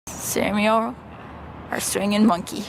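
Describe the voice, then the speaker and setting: A woman's voice: medium pitch, steady tone, slow, vocal fry. A woman chatting casually as she vlogs outdoors, with wind on the mic. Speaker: vlogger. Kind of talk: casual vlog chat. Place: outdoors in windy weather.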